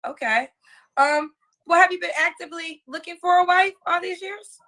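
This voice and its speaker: Woman host, high voice, bright tone, brisk questions, repeats answers back. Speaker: host of a live dating interview. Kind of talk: live-stream interview.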